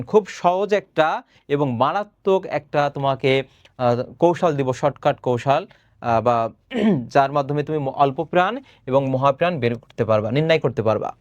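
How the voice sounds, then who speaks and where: A young male teacher gives a recorded online lesson in a slightly high voice. He explains step by step, poses questions and answers them himself, and clears his throat often. The sound is dry and close to the mic. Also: dry recording, lo-fi sound. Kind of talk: recorded online class lecture.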